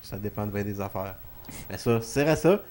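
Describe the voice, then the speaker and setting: A man with a Quebec French accent runs a wrestling talk show as a laid-back, joking studio conversation. His fairly low voice has a darkish tone, animated delivery and normal speed.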